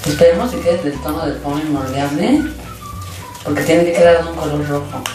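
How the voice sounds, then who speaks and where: At a moderate pace, a woman hosting a slime craft channel narrates a hands-on tutorial with enthusiastic, sing-song energy in a middle-pitched voice. Filmed indoors at a tabletop showing only her hands, the audio is very echoey from a distant mic, with background music clearly audible.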